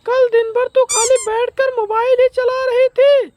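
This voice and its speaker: A woman playing a shrill bossy mother-in-law. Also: flat delivery, measured pace, a little mellow, slight background noise. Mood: scolding. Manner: harsh, insulting, bossy. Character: bossy scolding older village mother-in-law. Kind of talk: comedy skit acting.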